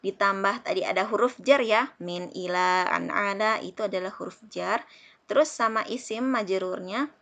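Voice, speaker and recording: A woman Arabic teacher with an Indonesian accent, giving a recorded lesson and slowly drilling word forms one by one. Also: medium pitch, creaky, bright, forceful tone.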